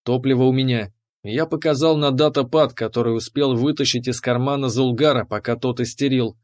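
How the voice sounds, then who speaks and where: Male audiobook narrator, medium pitch, steady scripted first-person storytelling. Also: brisk.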